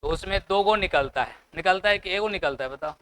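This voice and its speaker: A man with a Bihari Hindi accent lectures a class in a high, bright, clear voice. He asks the students question after question and answers them himself. He tags his points with "है ना" to check that they follow. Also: a little fast. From Bihar, India. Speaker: teacher.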